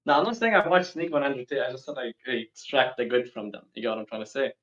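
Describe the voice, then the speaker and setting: A man's voice: mid-range voice, expressive, a bit bright. Young man talking casually on a lo-fi call. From born and raised in the UAE, Palestinian. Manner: casual, slangy, quick bursts. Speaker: guest speaking from Gaza. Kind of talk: casual video call interview.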